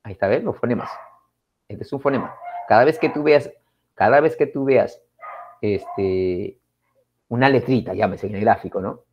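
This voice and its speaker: A man's voice: fairly low pitch, moderate pace. Male teacher, patient explainer, repeats points, lo-fi sound. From Peru. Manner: explanatory, frequent tag questions and repeats. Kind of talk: recorded exam-prep lesson. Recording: dull lo-fi sound, faint noise.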